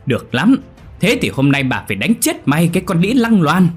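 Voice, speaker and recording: A man's voice: huge pitch swings, fairly quick, breathy edge, faint music behind, full character voice. Man doing a shrieking cruel mother-in-law. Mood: furious screaming. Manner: screaming abuse, shrill.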